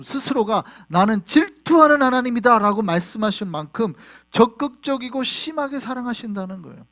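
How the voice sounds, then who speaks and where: A male pastor preaching a sermon in a church, animated and quizzing the congregation with questions. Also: sits high. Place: church sanctuary.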